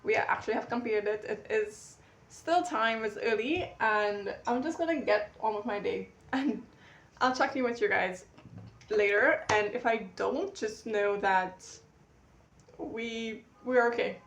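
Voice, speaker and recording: A dressmaker who vlogs talks casually to her tripod camera in her home studio, her voice a little high, bright and measured. She sounds slightly stuffy, as if she has a cold, and rambles easily with lots of fillers and restarts.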